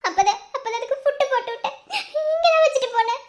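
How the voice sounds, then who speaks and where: A woman voicing a fiery, emotional young woman in a cartoon, speaking with a Madurai Tamil accent and scolding through tears. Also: brisk. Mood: tearful. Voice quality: very high, squeaky cartoon voice. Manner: teary, scolding, sulky. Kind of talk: animated cartoon dialogue.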